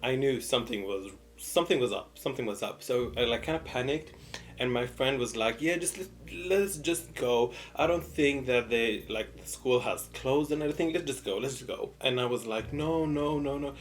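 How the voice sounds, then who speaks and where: Young man telling a casual animated story. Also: mid-range voice, brisk, slight background noise. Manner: animated retelling with repeated words and quoted dialogue. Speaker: mukbang storyteller.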